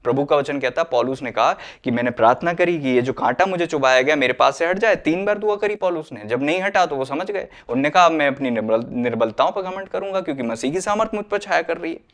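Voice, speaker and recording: A man's voice: on the high side, expressive, fast talker, few pauses, a bit bright. A man preaching an earnest sermon, mixing English phrases into his talk and acting out the people he quotes. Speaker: pastor.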